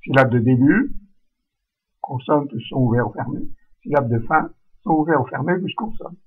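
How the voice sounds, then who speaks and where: A man giving a recorded spelling lesson, slowly modelling vowel sounds aloud. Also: mid-range voice, expressive, husky, phone-quality sound. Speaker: French spelling teacher.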